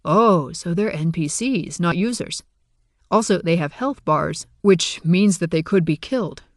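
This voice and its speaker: A man's voice: high-pitched, lively intonation, unhurried, no echo, clean studio sound. A man reading a first-person audiobook with wry, casual humor. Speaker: audiobook narrator.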